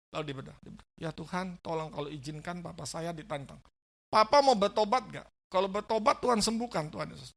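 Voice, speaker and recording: A man's voice: sits high, fairly bright tone. A man preaching a sermon as a pastor, telling stories animatedly, acting out the dialogue and asking the congregation questions. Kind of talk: sermon with storytelling. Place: church service.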